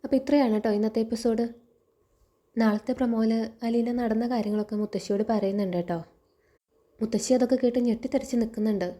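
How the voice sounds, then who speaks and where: A woman's voice: fairly high pitch, fairly even intonation, fast, warm tone. Chatty woman retelling a serial. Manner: chatty, ends lines with a friendly tag. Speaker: serial story reviewer. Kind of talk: casual story retelling.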